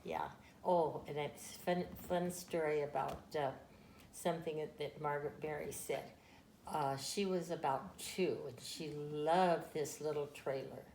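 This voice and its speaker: A woman's voice: low-pitched, steady tone, measured pace, a little mellow, a little hiss or hum. An older woman chatting fondly as she tells family stories, often laughing at her own tales. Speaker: interviewee. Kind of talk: casual family storytelling. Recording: echoey room with faint ambience.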